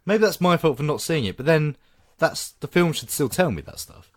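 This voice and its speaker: Lively podcast host. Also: male voice, on the high side, moderate pace. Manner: opinionated, animated, laughs often. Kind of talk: casual film discussion.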